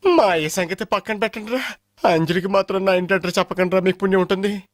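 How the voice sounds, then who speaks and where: A man's voice: high-pitched, fairly even intonation, quick pace, no echo, clean studio sound, natural voice. An actor playing an embarrassed young man in hospital, sheepishly pleading with his friends in a comic film scene. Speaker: injured son.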